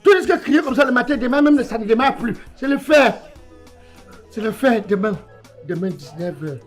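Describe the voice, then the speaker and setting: A man's voice: very high voice, expressive, moderate pace, faint music behind. A man with a Cameroonian French accent playing a sly young taxi driver who pleads and stalls with excuses. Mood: pleading. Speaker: comedy sketch actor. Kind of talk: sketch comedy acting.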